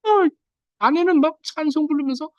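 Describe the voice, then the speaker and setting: A middle-aged man preaching a sermon in an animated way, acting out the words of the people he quotes. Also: very high-pitched, normal speed, no room sound, lo-fi sound. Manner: animated, acts out quoted speech in changed voices. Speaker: pastor.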